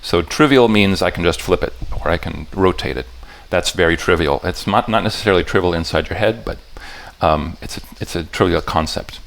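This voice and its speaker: A man with a low voice presents a puzzle talk to a live audience. He speaks in halting stretches, backing up to rephrase mid-sentence. Now and then he asks the room whether they are following. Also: creaky, a bit bright. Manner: halting and self-correcting, stops to restart sentences; talks directly to the audience with checking questions. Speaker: puzzle setter giving a convention talk.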